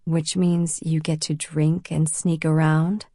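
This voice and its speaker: A woman narrating an audiobook, voicing a stern middle-aged mother who speaks slowly, low and controlled. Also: expressive, no echo, studio quality, close to an everyday voice. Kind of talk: audiobook reading.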